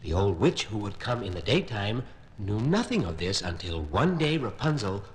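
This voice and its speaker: A man narrating a fairy tale on a vintage children's record in an expressive storytelling voice. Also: on the low side, normal speed, low-quality recording.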